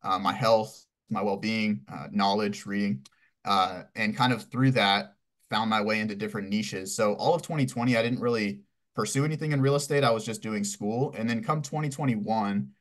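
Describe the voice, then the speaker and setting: Rambling young man, lowish voice. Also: normal speed, a bit bright. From Houston, Texas. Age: 20s. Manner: rambling, filler-heavy storytelling. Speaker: podcast guest. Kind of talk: casual interview answers.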